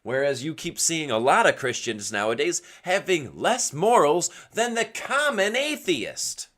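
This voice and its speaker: This podcast host, a man running an opinionated solo show, is losing his voice; it sounds strained and partly gone from yelling. His fairly high voice is very animated and a little slow as he emphatically asks himself rhetorical questions in a casual tone.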